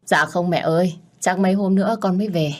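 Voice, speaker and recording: A woman voicing a tender, playful young husband, speaking softly and affectionately. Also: on the low side, fairly even intonation, brisk, close to an everyday voice. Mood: reassuring.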